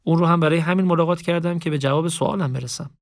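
A man voicing a calm young male student who answers softly and politely in an audiobook. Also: on the high side, dry recording, studio quality, close to an everyday voice. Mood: wry. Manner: calm and soft-spoken, polite.

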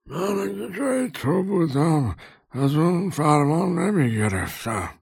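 A man voicing a sly old hermit in a storybook reading, with slow, sneering, drawn-out speech. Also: on the high side, very animated, creaky, darkish tone, breathy edge, no room sound, pitched above the performer's own voice, full character voice. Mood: sly, taunting. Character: sly old male bookish hermit, mocking.

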